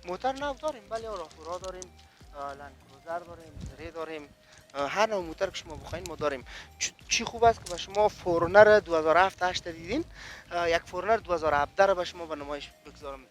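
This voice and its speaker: A man with an Afghan accent, speaking as a car dealer in casual sales talk. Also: sits high.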